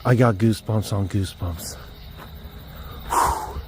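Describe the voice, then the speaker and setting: A man's voice: fairly low pitch, slow, very noisy. A man filming a ghost hunt outdoors at night by crypts, shaken and exclaiming as he talks to viewers. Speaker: paranormal investigator. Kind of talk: handheld ghost-hunting vlog.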